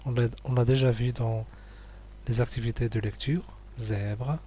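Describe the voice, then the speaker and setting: A man teaching young pupils, going slowly through a worksheet, repeating each word and praising answers. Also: medium pitch, steady tone, dark tone, a little hiss or hum. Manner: slow, patient, repeats words and praises answers.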